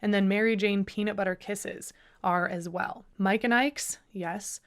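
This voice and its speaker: A woman's voice: mid-range voice, fairly even intonation, a little slow. A young woman hosting a solo podcast, talking in a chatty, bubbly way with lots of asides. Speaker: podcast host. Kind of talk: casual solo podcast chat.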